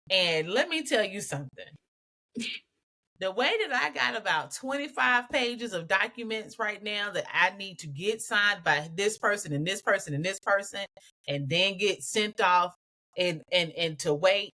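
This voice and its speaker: A woman co-hosting a podcast, ranting in an animated and exasperated way. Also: mid-range voice. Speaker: podcast co-host. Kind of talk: casual podcast chat.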